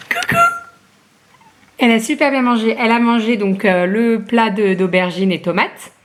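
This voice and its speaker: A woman's voice: fairly high pitch, noisy background. Chatty young mother vlogging at home. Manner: chatty, filler-heavy, turns aside to coo at her baby. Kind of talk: casual home vlog chat.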